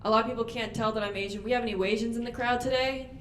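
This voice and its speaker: High-voiced woman doing stand-up in a roomy club. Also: heavy background noise. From United States. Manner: deadpan punchlines with quick acted-out voices. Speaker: stand-up comedian. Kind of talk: stand-up set. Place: comedy club stage. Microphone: handheld stage mic. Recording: roomy club with audience ambience.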